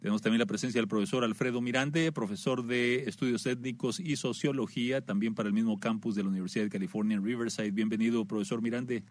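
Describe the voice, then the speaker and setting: A man's voice: on the low side, steady tone, fast, hardly any pauses. A man hosting a radio talk show, conversational and full of "eh" fillers. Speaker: radio host.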